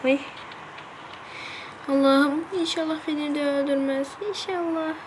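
A woman voicing a sandbox game skit, yelling in panic with frequent slang exclamations, on a noisy home recording. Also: high voice, steady tone, unhurried. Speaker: channel creator voicing game characters.

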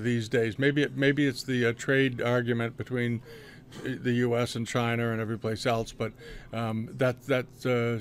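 An older man casually commenting on auction results over a screen share, rambling with many fillers and restarts, recorded on a webcam indoors. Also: mid-range voice. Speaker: antiques dealer reviewing auctions.

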